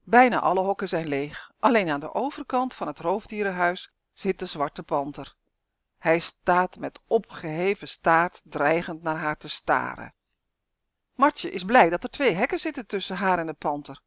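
Lively woman reading a children's story. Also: lowish voice, normal speed, no room sound, clean studio sound. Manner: lively, voices the characters.

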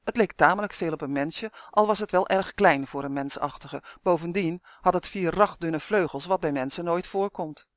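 A woman narrating a children's fantasy story aloud in an even, clear manner. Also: lowish voice, normal speed, hardly any pauses, no echo, clean studio sound.

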